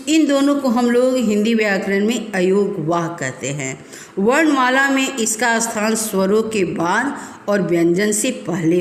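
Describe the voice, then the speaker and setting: A woman teacher giving a recorded grammar lesson to children, explaining slowly and repeating terms. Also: mid-range voice, a little hiss or hum. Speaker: school teacher. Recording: echoey room with long reverb.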